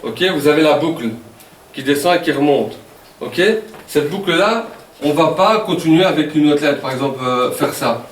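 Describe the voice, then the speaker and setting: A man's voice: on the high side, moderate pace. A man from Wallonia with a Walloon Belgian French accent, teaching Arabic letters to a class in a patient, joking way and checking in with "ok?". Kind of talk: classroom lesson. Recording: echoey classroom from far off.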